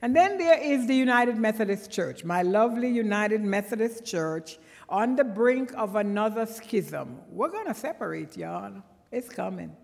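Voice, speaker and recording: With hardly any pauses, a Trinidadian woman speaks at normal speed in a medium-pitched, gravelly, animated voice, preaching a conversational guest sermon in a church sanctuary. She has a Trinidadian accent and delivers earnest, emphatic bursts, echoed by long church reverb.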